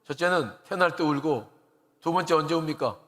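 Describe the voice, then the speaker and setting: Earnest Korean pastor preaching in a reverberant church. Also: male voice, fairly high pitch, brisk, a bit bright. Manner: earnest and conversational, with rising emotional emphasis; laughs at himself while telling stories. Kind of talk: sermon. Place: church sanctuary.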